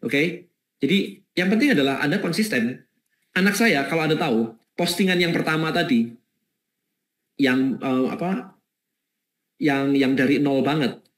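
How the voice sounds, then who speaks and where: A middle-aged man teaching a marketing webinar in a lively, conversational way, checking in with his listeners often. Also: fairly high pitch, a little slow, long pauses, roomy sound. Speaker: webinar speaker.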